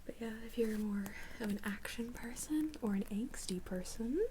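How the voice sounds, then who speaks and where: A young woman in a whispered role-play as a librarian, speaking in a soft, halting whisper. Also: fairly high pitch, slight background noise. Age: young adult. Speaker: ASMR creator playing a librarian.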